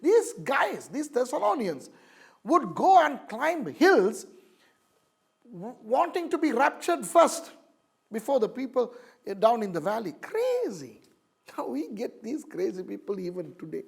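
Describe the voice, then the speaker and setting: A man's voice: very high voice, big pitch swings, measured pace, gravelly, slightly rough. A man with a Sri Lankan English accent giving an emphatic Bible lecture as a teacher, with vivid asides.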